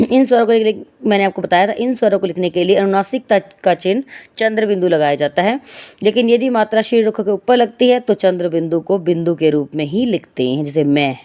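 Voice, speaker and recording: A woman's voice: medium pitch, animated, moderate pace, dark tone. Woman teaching grammar, explaining patiently. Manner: explanatory, asks and answers her own questions; stretches vowel sounds when demonstrating. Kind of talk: Hindi grammar lesson.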